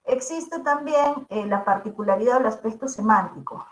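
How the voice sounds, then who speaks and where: Woman, teacher, lecture, rhetorical questions, fairly high voice, echoey room. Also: normal speed. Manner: lively, asks rhetorical questions often. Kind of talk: linguistics lecture.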